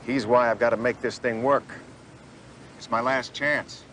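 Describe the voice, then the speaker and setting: A man's voice: mid-range voice, steady tone, a little slow, a bit bright, slight background noise, close to an everyday voice. An actor playing a reformed cat burglar, a middle-aged man on parole who talks wryly and begs for help. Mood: pleading. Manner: wry, chuckling, then pleading. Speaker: ex-convict on parole.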